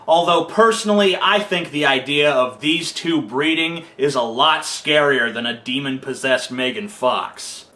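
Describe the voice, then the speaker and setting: A sarcastic man with a bright, high voice, ranting and joking as a comedy trailer reviewer. His pitch leaps around as he talks with mock outrage, and the room behind him rings with echo. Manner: sarcastic, exasperated, mock-indignant.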